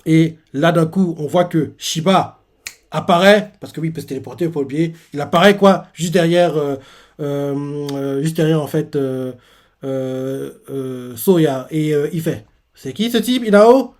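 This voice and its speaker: A man retells a manga chapter for a live reaction stream, his voice sitting a touch high. He rambles loosely, stacking fillers as he goes. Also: fairly even intonation, measured pace. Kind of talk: casual live reaction recap.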